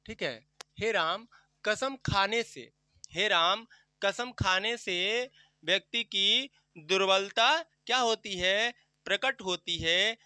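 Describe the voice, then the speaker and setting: High-voiced, bright man teaching a poem. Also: clear, resonant tone, no room sound. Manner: explains line by line, asks and answers own questions; recites verse slowly and drawn out. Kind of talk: classroom poetry explanation.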